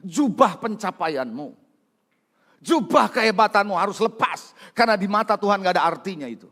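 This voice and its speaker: Pastor guy preaching, high voice, jumps all over in pitch, big hall echo, here and there. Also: expressive, normal speed. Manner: calls out to the congregation, swings from loud to hushed. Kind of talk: sermon. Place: church hall. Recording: long reverb of a large hall.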